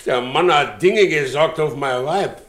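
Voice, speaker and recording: An actor playing a brooding, jealous carter who speaks in a heavy, halting, threatening way in an old radio play. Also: male voice, fairly high pitch, fairly bright tone. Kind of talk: 1950s German radio play acting.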